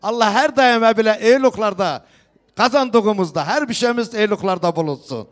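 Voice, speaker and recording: Man, Turkish-style wedding announcer, high voice, clear resonant tone, ceremonial drawn-out blessings, some Russian mixed in. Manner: ceremonial, repeated blessing formulas, drawn-out proclamations; mixes Russian words into Turkish.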